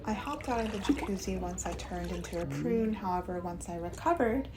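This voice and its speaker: A woman from the States narrating her travel vlog, relaxed and enthusiastic, sometimes whispering. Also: on the low side, a little fast, a crowd in the background, poor audio. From United States. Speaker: travel vlogger. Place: outdoors on a windy island and in an airport.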